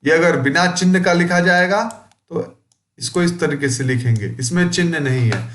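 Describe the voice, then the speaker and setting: A man teaching a school lesson, reading a play aloud and explaining it slowly and deliberately, drawing out words to show their sounds. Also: a little high, a bit bright, echoey room, slight background noise.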